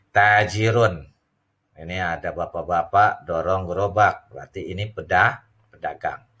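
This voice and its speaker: Male teacher, very deep and unhurried, bright tone. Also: husky. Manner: slow, drawn-out modeling of example phrases. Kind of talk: classroom lesson explanation.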